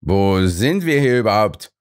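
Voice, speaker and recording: A man's voice: lowish voice, big pitch swings, a little slow, clean tone. A man playing a whiny, impatient politician. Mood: grumbling. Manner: whiny, sulky. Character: grumbling, impatient male politician.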